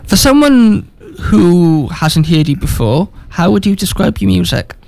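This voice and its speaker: Man, radio presenter, fairly high pitch, dry studio, friendly questions. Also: big pitch swings, measured pace, vocal fry, darkish tone, no echo. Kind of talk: radio interview hosting.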